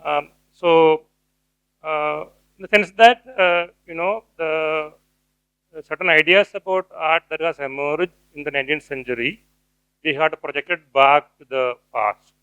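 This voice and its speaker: A middle-aged man giving an academic lecture, pausing often with fillers and restarts. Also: on the high side, steady tone, sharp tone, clean tone, no room sound, rough recording. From India. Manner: hesitant, many fillers and restarts. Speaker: guest speaker, cultural theorist.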